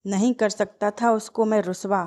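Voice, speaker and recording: A woman's voice: mid-range voice, fairly even intonation, normal speed, mellow, natural voice. A woman voicing a young man who is an angry, protective husband and uncle in a storybook tale. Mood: stern, angry.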